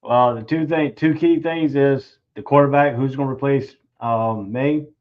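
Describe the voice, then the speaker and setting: A man's voice: medium pitch, unhurried. A man talking through his take as a guest commentator, loose and full of restarts. His voice sits in the middle of the range. The audio is muffled and lo-fi. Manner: loose, repeats and restarts phrases. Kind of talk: casual sports analysis. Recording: dull lo-fi audio.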